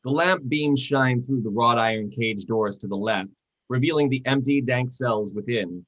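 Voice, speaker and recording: A man's voice: mid-range voice, moderate pace, a bit bright. Lo-fi man narrating stage directions. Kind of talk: reading screenplay stage directions. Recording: dull lo-fi sound.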